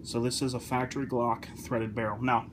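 Over a noisy background, a hobbyist presenter talks to camera about a product, keeping things informal and restating points for emphasis. He's a gun enthusiast with a medium-pitched voice, level in tone and moderate in pace.

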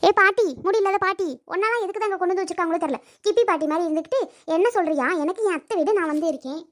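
A woman's voice: very high voice, racing. A woman voicing a bold, talkative little girl in a cartoon who talks back cheekily, with a Kanyakumari Tamil accent. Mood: cheeky. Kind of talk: cartoon voice acting.

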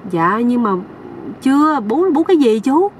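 A woman's voice: on the high side, lively intonation, moderate pace, a little hiss or hum, close to an everyday voice. Woman doing a whiny naive young husband. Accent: Southern Vietnamese. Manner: whiny, pleading.

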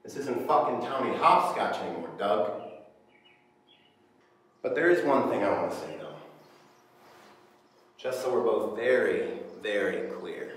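A young man playing a tough, intimidating FBI agent in an acted interrogation scene, deliberate and foul-mouthed. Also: low voice, creaky. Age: young adult. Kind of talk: acted film scene monologue. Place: small indoor concrete-block room. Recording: very echoey bare room, long reverb.

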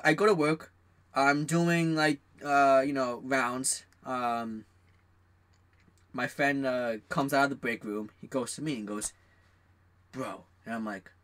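A young man tells his stories with a bright, forceful voice. He rants at length about his coworkers, jumps up in pitch when excited, and acts out the lines of people in his tales. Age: young adult. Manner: animated storyteller, rants, acts out quotes. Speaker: podcast co-host. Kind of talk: casual chat.

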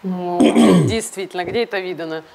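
A young woman co-hosting a car review, teasing with quick interjections, recorded in a large indoor showroom. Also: lowish voice, vocal fry, mellow. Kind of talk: casual banter.

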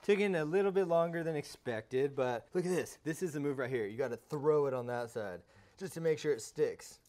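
A man's voice: fairly high pitch, a little fast, a little mellow. A young man co-hosting a cooking show, casually explaining each step as he cooks. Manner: laid-back, walks through steps.

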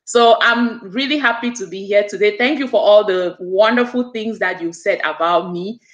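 Over a video call from an echoey room, a Cameroonian business coach and author in her forties tells her story as an interview guest, earnest and motivational. Picked up by a webcam, her mid-range voice comes at normal speed but sounds muffled.

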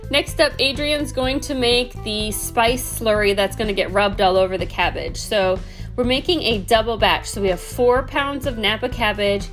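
A woman's voice: fairly high pitch, moderate pace, fairly bright tone, faint music behind. A woman in her thirties, a homesteading host, chatting through recipe steps in a home kitchen. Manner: chatty step-by-step explaining. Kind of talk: casual cooking voice-over.

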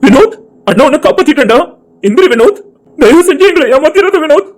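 A woman's voice: sits high, animated, fast talker. A woman voicing an anxious young man in an amateur cartoon, talking in a frantic, pleading way. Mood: sobbing. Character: young man, anxious, devoted older brother.

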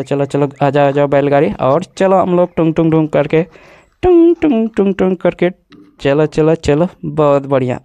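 Male host for kids' toy videos: eager, exclamatory, chats to the toys, slightly raised pitch, dry close sound. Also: a little mellow, no echo. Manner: exclaims often, talks to the toys. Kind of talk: excited toy play narration.

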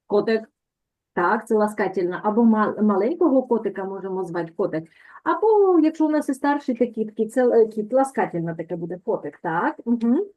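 A woman teaching a language lesson over a video call, patiently repeating words slowly to correct pronunciation. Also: medium pitch, lively intonation, warm tone.

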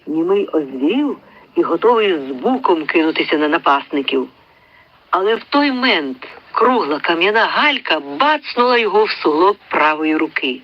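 High-voiced man reading a story aloud. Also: dull audio. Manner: lively storytelling that shifts into raised voices for the characters. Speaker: audiobook reader. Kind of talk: expressive literary audiobook reading.

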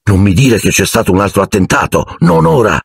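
A man's voice: fairly low pitch, very animated, brisk, gravelly, slightly rough, no room sound, voice pushed up, full character voice. A man voicing an urgent young schoolboy wizard.

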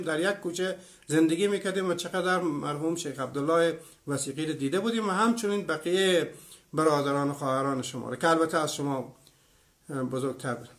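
A man from Iran in his fifties with a high-pitched voice leads an online lecture. He works through one example after another in a clear, explanatory manner. He often pauses to take up comments from his live audience. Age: 50s. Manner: explanatory, gives many examples; reads out and answers viewer comments.

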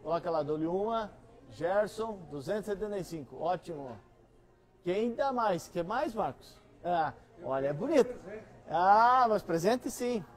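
High-pitched Brazilian man calling auction bids. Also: lively intonation, a little slow. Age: middle-aged. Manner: repetitive, coaxing bid-calling. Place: large busy antiques store hall, indoors.

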